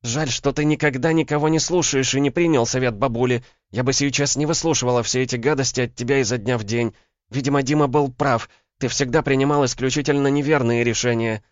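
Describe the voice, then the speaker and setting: A man putting on a shrill, scornful young woman. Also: steady tone, a little fast, no echo, lo-fi sound, close to an everyday voice. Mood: accusing. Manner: sharp, scornful, shrill when shouting. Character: fiery young woman, proud and quick to anger.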